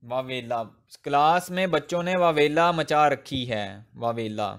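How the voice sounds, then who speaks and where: A man teaching a grammar lesson, explaining slowly with example sentences and repeating the key words. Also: fairly high pitch, fairly bright tone, clear, resonant tone. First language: Urdu.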